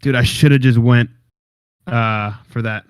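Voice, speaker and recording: A man's voice: medium pitch, steady tone, a little slow, clean tone, no room sound. Laid-back slangy young man hosting a podcast. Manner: slangy, laid-back, steers the show and giveaways. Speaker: podcast host. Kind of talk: casual gaming podcast chat.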